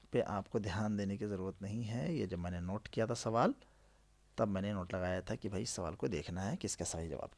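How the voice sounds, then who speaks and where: A man from India teaching an exam-prep lesson, with a gravelly, fry-touched voice and a lively, swinging pitch. He works through each answer option and asks rhetorical questions. He drops English terms into his explanations.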